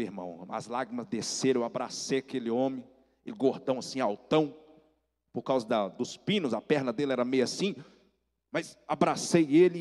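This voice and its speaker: A man with a Minas Gerais accent, an evangelist giving an animated testimony sermon and addressing listeners directly. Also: medium pitch, big-room sound. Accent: Minas Gerais Portuguese. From Brazil.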